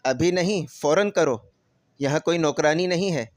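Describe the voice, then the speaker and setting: A man voicing a cruel, harsh stepmother who scolds and barks orders in a sharp tone. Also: a little high, no room sound, lightly acted. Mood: harsh scolding. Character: harsh cruel stepmother, middle-aged woman.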